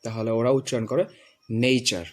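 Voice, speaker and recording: A man with a Bengali accent teaching English pronunciation, drilling words slowly and repeating them for a student. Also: a little high, darkish tone, faint music behind. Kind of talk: classroom lesson.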